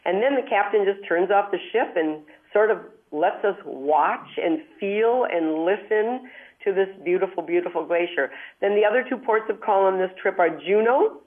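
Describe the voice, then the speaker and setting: A woman's voice: medium pitch, lively intonation, moderate pace. A woman hosting a call-in travel show from a speakerphone, chatty and upbeat, explaining at length. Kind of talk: call-in radio advice. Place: hotel room far from studio, calling in. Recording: tinny speakerphone line.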